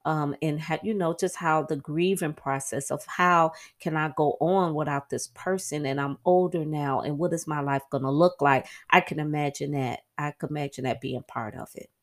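A middle-aged woman with a fairly low-pitched voice talks on her own as a podcast host. She is chatty and animated, and her voice springs up high whenever she acts out a quoted aside. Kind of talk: casual solo podcast monologue.

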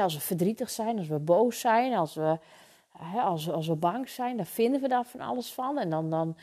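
A woman in her thirties, in a reflective, casual talk about feelings, speaking gently and soothingly, often adding little tag words and restarting her sentences. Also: mid-range voice. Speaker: emotional wellbeing speaker.

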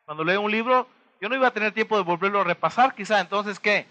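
Bright-voiced Mexican man giving a motivational talk. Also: sits high, quick pace. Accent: Mexican Spanish. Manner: asks the audience rhetorical questions and acts out little dialogues. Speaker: motivational speaker.

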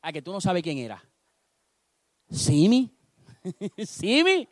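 A man preaching a sermon, telling a story with animated delivery and acting out the characters. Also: a little high, slow, dry recording, clean studio sound.

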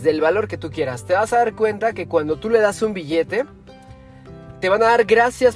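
A man speaks in a notably high voice, coaching the listener through a self-help talk. He talks animatedly, asking himself questions and counting off steps. Soft music plays faintly behind him. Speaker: motivational speaker.

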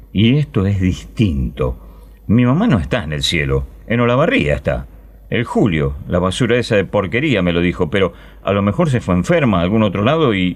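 Deep-voiced man reading a story aloud. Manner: tells it in a child's first-person voice, wistful and intimate. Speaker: radio host reading a short story. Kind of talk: expressive literary reading.

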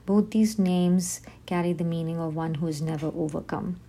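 Female teacher, low warm gravelly voice, measured scripted delivery of a religious lesson. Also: fairly even intonation. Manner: measured, reads definitions as slow lists. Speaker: podcast host teaching on Islam.

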